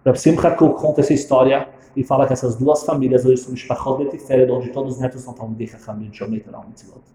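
A male preacher telling a religious story in a sermon, animated and switching into character voices. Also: mid-range voice, fast talker. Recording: echoey room.

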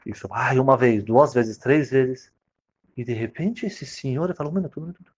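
A man giving a sermon, telling stories and acting out the voices in them with sudden loud, high cries. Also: moderate pace, husky. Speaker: religious teacher. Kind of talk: sermon with storytelling. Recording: dull lo-fi recording.

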